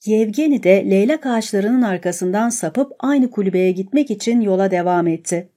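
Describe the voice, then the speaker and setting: A woman narrating a novel aloud as an audiobook in a calm, measured reading. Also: mid-range voice.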